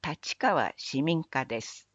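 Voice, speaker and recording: Low-voiced woman reading city notices. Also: husky, no echo, highs cut off. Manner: measured, even recital of dates and phone numbers. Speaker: city announcer. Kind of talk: scripted public announcement reading.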